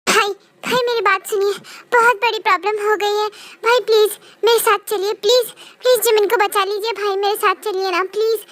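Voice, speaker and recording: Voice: very high-pitched, steady tone, fairly quick, fairly bright tone. A woman voicing a panicked young man in a read-aloud fan story, urgently begging his brother to come.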